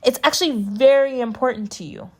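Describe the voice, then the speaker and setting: A woman's voice: on the high side, fairly quick, a little mellow. A woman talking as a spiritual coach, reflecting earnestly and emphatically in a personal vlog, repeating phrases for weight.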